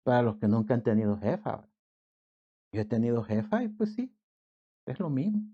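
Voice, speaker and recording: A male pastor with a Salvadoran accent giving a conversational sermon, acting out short everyday scenes in quick voices. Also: mid-range voice, sing-song, breathy edge, lo-fi sound. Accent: Salvadoran Spanish. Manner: conversational preaching, acts out little scenes in quick put-on voices.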